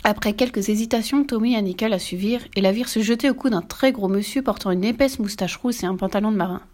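A woman narrating a children's story aloud in a clear, even reading voice. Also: medium pitch, quick pace.

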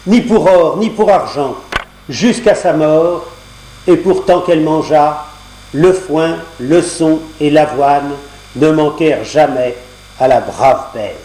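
A male storyteller reads a fairy tale aloud, measured and expressive. His voice is mellow and slightly high for a man. The old cassette recording sounds roomy, with a faint hum underneath.

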